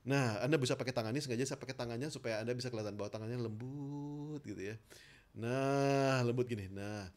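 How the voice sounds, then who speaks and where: A self-help trainer giving an instructional talk, addressing viewers directly and coaxing them along, acting out tense and relaxed ways of speaking. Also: mid-range voice, fast talker. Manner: animated, demonstrates tense versus relaxed speech.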